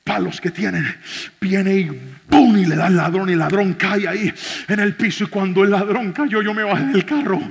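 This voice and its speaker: A man, a pastor, preaching a sermon and telling a personal story in an animated way, shifting from shouting to soft speech. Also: high voice, normal speed, vocal fry, husky, in a large hall.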